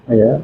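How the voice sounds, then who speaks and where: A man with an East Javanese accent giving a lively, joking sermon to a mosque congregation. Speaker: Islamic preacher. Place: large mosque hall. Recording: echoey, dull mosque sound.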